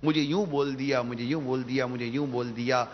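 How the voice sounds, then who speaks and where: A man's voice: medium pitch, steady tone, highs cut off, slight background noise, pitched below the performer's own voice, natural voice. A man voicing a young wife who complains repeatedly about her in-laws, in a grumbling, repetitive way. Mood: complaining.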